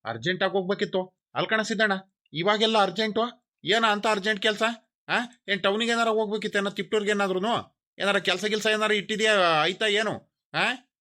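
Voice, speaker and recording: An actor playing a proud, quick-tempered middle-aged village boss in a comedy sketch, firing off repeated questions and turning sulky. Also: male voice, high-pitched, sharp tone. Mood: suspicious. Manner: fires off repeated questions, blustering then sulky. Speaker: former village council member. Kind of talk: rural comedy sketch acting.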